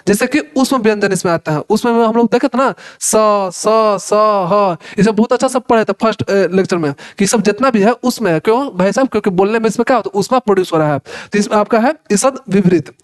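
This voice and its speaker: High-voiced man teaching casually. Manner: repeats "है ना" and "भाई साहब", sounds out letters; conversational, addresses students directly. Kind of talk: casual Hinglish lecture.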